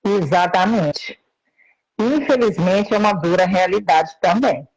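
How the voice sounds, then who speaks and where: A woman speaking as a guest in a live interview, heard through a choppy, breaking-up call line, talking in a slow, measured way. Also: mid-range voice, darkish tone, breathy edge. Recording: dull lo-fi call audio.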